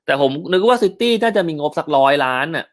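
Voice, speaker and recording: A man's voice: fairly high pitch, animated, fast talker. A man hosting a casual football news chat, talking loosely with frequent filler sounds and answering viewer comments. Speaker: football news show host.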